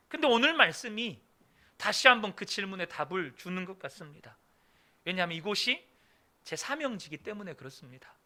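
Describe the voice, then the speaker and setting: A male pastor in middle age delivers a sermon, first reading a story aloud and then speaking to his congregation. His voice sits high and sounds very bright and forceful. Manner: reads a missionary's story aloud, then preaches.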